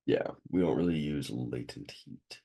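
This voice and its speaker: Man, very low voice, sniffly from being ill, hesitant tutor, lots of ums. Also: measured pace, gravelly, mellow. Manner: hesitant, many ums, quizzing the student. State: sick and sniffly. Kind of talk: one-on-one tutoring session.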